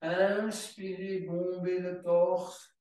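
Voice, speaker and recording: A man teaching a yoga class, calling out poses and breath cues in slow, drawn-out repetitions. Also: high-pitched, level tone, a little mellow. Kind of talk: guided yoga class instruction. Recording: very echoey room, voice from far off the mic.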